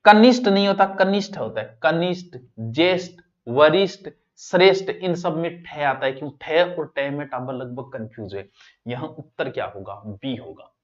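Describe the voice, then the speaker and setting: A male teacher with a Rajasthani accent works through spelling questions with a class. His voice sits a little high, and he switches playfully into local dialect to tease his students. The recording is dull and lo-fi. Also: normal speed. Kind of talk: exam-prep class on spelling.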